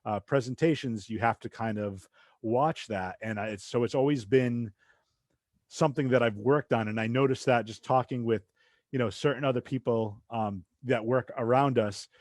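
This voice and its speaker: A podcast host from southeastern Massachusetts chats casually with a guest, rambling loosely with lots of asides. His light Massachusetts accent drops R's when he speeds up, and his mid-range voice comes at a normal pace in clean studio sound with no echo.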